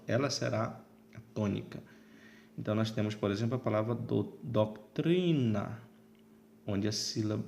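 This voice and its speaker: A man's voice: on the low side, vocal fry, a little mellow, a little hiss or hum. A man teaching Latin in a recorded online lesson, explaining step by step and checking in with listeners.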